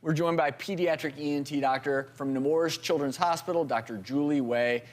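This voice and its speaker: A man hosting a TV talk show, introducing a guest in a lively, upbeat way. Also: a little high, moderate pace. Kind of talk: hosting a studio segment.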